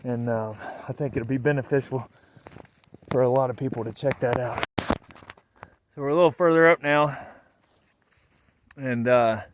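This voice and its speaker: A man's voice: mid-range voice, steady tone, unhurried, pauses often. Man, casual hiking vlog, slightly breathless, rambling with lots of ums, outdoors on a snowy trail, faint hiss. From Virginia. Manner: rambling, easygoing, many fillers and restarts. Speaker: vlogger hiking with his son.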